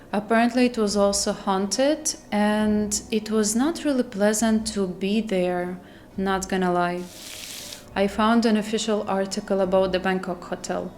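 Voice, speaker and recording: A woman who worked as a flight attendant, telling spooky hotel stories in a casual, animated way and laughing at herself. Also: mid-range voice. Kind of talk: casual storytelling to camera.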